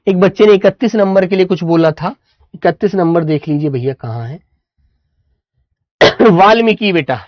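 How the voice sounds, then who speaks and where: A male Hindi teacher giving an online class, slowly dictating words and calling his students "beta" and "my dear children.". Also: high-pitched, dry recording, muffled recording.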